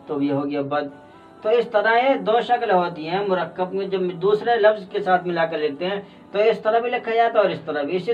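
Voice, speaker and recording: High-voiced man teaching letter sounds. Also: recorded from a distance, narrow, tinny audio. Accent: Indian Urdu. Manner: patient, repeats letters slowly and loudly. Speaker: Quran reading teacher. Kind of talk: explanatory lesson.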